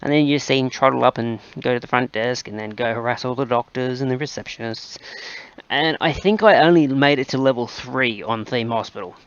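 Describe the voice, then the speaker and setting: A man's voice: medium pitch, a little fast, fairly bright tone, lo-fi sound. A man hosting a gaming channel, chatting casually and rambling with plenty of fillers as he plays. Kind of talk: casual gameplay commentary.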